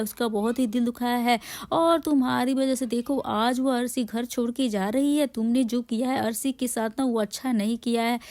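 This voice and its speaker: A woman's voice: high-pitched, warm tone, dry recording. A woman casually recapping a TV serial for her viewers in a chatty way, calling them friends and often restarting her sentences.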